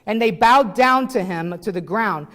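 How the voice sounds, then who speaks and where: A man preaching a sermon as pastor, conversational and animated, with restarts and casual asides. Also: high-pitched, measured pace, long reverb tail. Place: church sanctuary.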